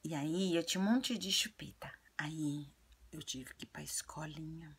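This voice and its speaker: A woman voicing an earnest, chatty little girl who tells childlike stories and gives advice in a breathy, often half-whispered voice. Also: low voice, unhurried, full character voice. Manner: childlike storytelling, repetitive. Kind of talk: video monologue in character.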